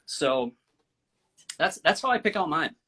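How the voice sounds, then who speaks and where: An easygoing man with a bright, forceful voice. He explains things calmly and hesitantly, filling the pauses with small words. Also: fairly high pitch, breathy edge. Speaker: co-host. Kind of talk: casual chat.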